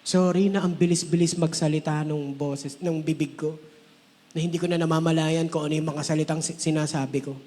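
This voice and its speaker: Animated pastor with long hall reverb. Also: male voice, a little high, fairly quick. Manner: conversational, mixes English phrases, acts out quoted voices. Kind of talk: sermon.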